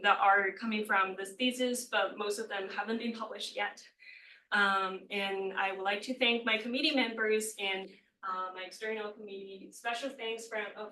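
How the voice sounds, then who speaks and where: A young adult woman speaks as a doctoral candidate at her thesis defense. Her voice is bright and clear-edged, with a hesitant, hedging delivery that trips on words. She sounds away from the microphone in an echoey room. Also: mid-range voice. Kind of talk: academic presentation. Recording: echoey room, far from the mic.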